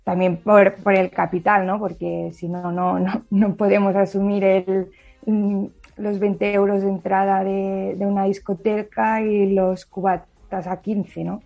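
A woman's voice: mid-range voice, flat delivery, measured pace, creaky, muffled recording. A woman in her twenties, a singer and sociologist, talking casually with many fillers in a remote radio interview. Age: 20s. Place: Barcelona.

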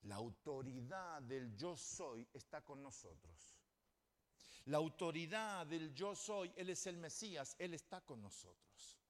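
A man with a Rioplatense accent preaching a sermon to his congregation, emphatic, with sudden rises and soft drops. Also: a little high, animated, slow pace. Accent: Rioplatense Spanish. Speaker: pastor. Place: church before a congregation.

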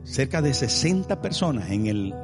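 Male pastor, fervent sermon delivery, music playing behind. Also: very animated. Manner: impassioned preaching with soaring pitch and drawn-out words.

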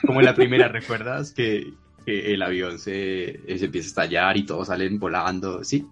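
A man's voice: deep voice, moderate pace, loud music behind the voice. A man chatting casually, telling a story in a self-deprecating way. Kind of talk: casual chat.

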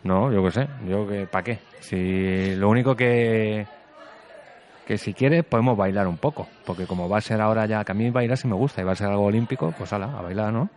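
A man co-hosting a comedy show, bantering in a relaxed, joking, self-mocking way. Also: lowish voice, a little fast, some chatter behind. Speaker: co-host.

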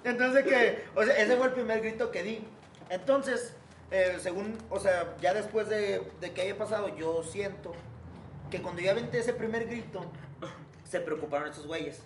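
A young man with a Mexican Spanish accent telling a story among friends in a casual, animated way, swearing freely and acting out sounds. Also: sits high, normal speed, distant mic. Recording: echoey room, faint noise.

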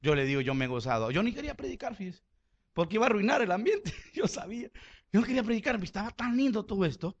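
A middle-aged man with a Salvadoran Spanish accent preaching a sermon in a church, joking and swinging from loud exhortation to quiet storytelling. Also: high voice, very animated, fast talker, dull audio. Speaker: pastor.

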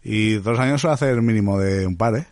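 A man's voice: fairly low pitch, fast, a little mellow, dry recording. Married guy co-hosting a chatty podcast, teasing, playful, dry close mic. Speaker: podcast co-host. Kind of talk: casual chat.

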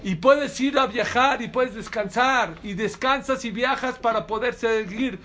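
High-voiced emphatic rabbi. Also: male voice, measured pace. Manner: animated, emphatic, asks the audience questions. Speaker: rabbi teaching a Torah class. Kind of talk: sermon.

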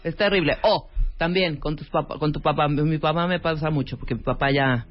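A woman co-hosting a radio chat, trading quick jokes. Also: low-pitched. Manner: jokey, quick back-and-forth. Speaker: radio co-host. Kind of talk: casual chat. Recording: dull lo-fi radio sound.

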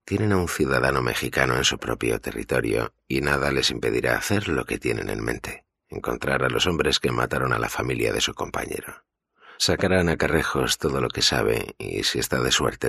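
A man narrates a thriller audiobook in a steady, grave voice. His tone is extremely deep, heavily gravelly and husky, with a bright, sharp edge. The studio sound is dry and close. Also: brisk, no room sound.

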